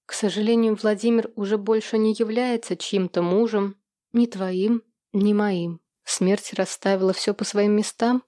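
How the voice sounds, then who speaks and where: A cool, sarcastic woman who needles others in an even voice, read by a woman narrator. Her tone stays level and dry. The recording is close, with no room sound. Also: medium pitch, a little slow, no room sound, lightly acted. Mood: calm. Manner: calm, sarcastic. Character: calm, mocking woman, ex-wife, sharp-tongued.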